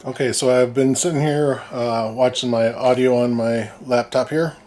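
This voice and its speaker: A man's voice: medium pitch, fairly even intonation, normal speed. A man giving casual, informal vlog explanations about his gear, thinking aloud in a hesitant way. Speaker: vlogger testing his camera gear. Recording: faint background noise.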